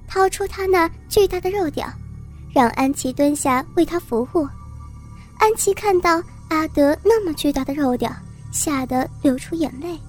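High-voiced woman storyteller. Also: darkish tone. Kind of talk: scripted narration.

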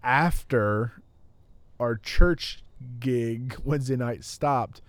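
A man in his thirties in an easygoing podcast chat, his voice sitting at an ordinary middle pitch. He rambles, loses his thread and laughs at himself. The sound is dry and close, with no room around it. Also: very slow, dry recording. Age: 30s. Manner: rambling, laughing, self-deprecating. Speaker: podcast co-host. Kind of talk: casual chat.

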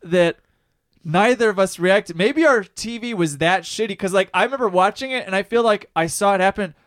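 A man in his thirties co-hosting a podcast in casual chat, full of quick jokes and asides. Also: sits high, fairly bright tone, no echo, clean studio sound. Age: 30s. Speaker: podcast host.

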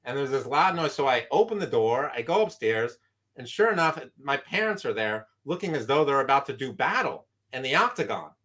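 A man's voice: mid-range voice, big pitch swings, fairly quick, fairly bright tone. A man from San Francisco telling a story from his youth as a guest, acting out the other voices in it. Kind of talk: storytelling in a conversation.

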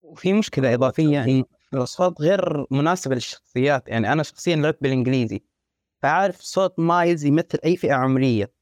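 A man in a casual gaming discussion who explains his point calmly. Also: fairly high pitch, racing, no room sound, studio quality.

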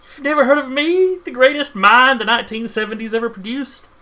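A man's voice: very high-pitched, fairly quick, sharp tone, voice pushed up. A man voicing a vain, indignant mad scientist and time traveler in a tabletop game, declaiming pompously. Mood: pompous outrage.

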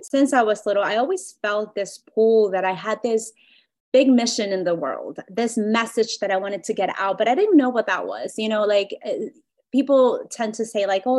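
A woman's voice: mid-range voice, darkish tone. A woman in her thirties from Ecuador, a life coach telling her story as a podcast guest. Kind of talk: casual interview chat.

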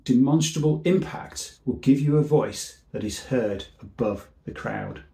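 With his phrases trailing off one after another, a male civil servant presents an earnest, measured seminar talk. His medium-pitched voice has a dark tone and echoes with reverb.

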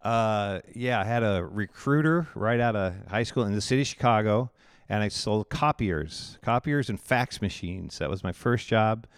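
A pastor from Iowa in his forties talks through his story in a loose, rambling way, often restarting his sentences. His voice sits fairly low and sounds smooth and clear. The recording is close and dry. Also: lively intonation, moderate pace, no room sound. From Iowa, USA. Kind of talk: conversational interview.

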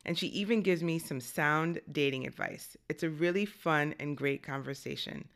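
A woman in her forties hosting a podcast, reading a scripted intro and then chatting with a bubbly, animated manner. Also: sits low, normal speed. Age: 40s. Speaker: podcast host.

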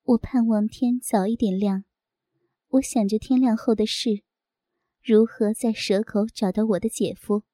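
Soft-spoken woman narrating a story. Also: on the high side, steady tone, a little slow, dry recording. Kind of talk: first-person audio story reading.

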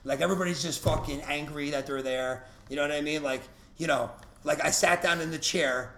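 A man's voice: on the high side, a little fast, sharp tone. A man in casual chat, blunt and slangy, swearing a lot. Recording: roomy room with faint noise.

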